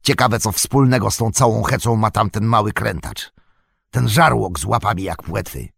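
A man's voice: fairly low pitch, moderate pace, gravelly, husky, no echo, studio quality. A man voicing a sly, cowardly male orc tracker in an audiobook reading, sneering and muttering.

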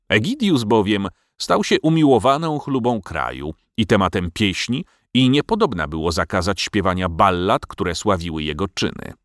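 A man narrating a storybook tale as an audiobook, in an expressive storytelling manner. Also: on the low side, dry recording, clean studio sound.

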